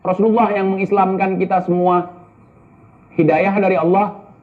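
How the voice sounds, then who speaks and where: A man talks in a high voice, answering viewer questions in casual commentary. He is blunt and scolding and keeps firing rhetorical questions. The audio is thin and tinny, like a phone line. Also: flat delivery, normal speed, a little hiss or hum.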